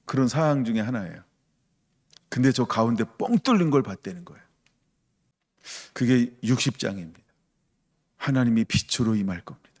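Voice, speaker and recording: Korean man preaching, lively and conversational. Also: on the low side. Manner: animated storytelling with rhetorical questions to the congregation. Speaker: pastor. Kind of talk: sermon.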